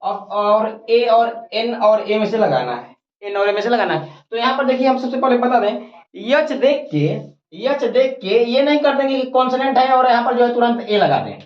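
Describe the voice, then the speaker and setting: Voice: mid-range voice, animated, normal speed. A teacher giving a grammar lesson at a board, repeating each point and asking and answering questions. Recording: roomy, dull lo-fi recording.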